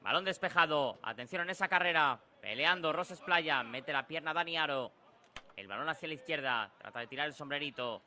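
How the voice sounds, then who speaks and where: A man with a Spain accent giving breakneck, excitable live football commentary, with drawn-out goal shouts. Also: fairly high pitch, a little hiss or hum. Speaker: sports commentator.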